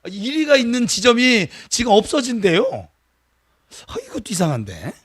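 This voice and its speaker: Lively high-voiced Korean pastor preaching. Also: male voice. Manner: animated, acts out quoted voices, talks to the congregation directly. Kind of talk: sermon. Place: church sanctuary.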